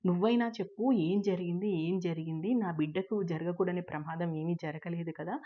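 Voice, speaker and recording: A woman's voice: on the low side, moderate pace, natural voice. A woman voicing an anguished warrior father. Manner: anguished, pleading, repeating questions. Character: grieving warrior father, frantic and accusing. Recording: dull lo-fi recording.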